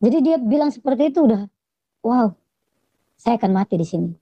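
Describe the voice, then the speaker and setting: A woman giving an emotional personal testimony, with frequent pauses and fillers. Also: fairly high pitch, lively intonation, no room sound. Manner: earnest, emotional storytelling with many fillers. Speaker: testimony speaker. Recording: dull, muffled dry recording.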